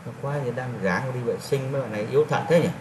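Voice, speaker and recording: A male teacher walking a class through software steps, repeating each step as he clicks. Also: mid-range voice, racing, a little hiss or hum. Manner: repetitive, talks while clicking through steps. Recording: echoey classroom, mic at a distance.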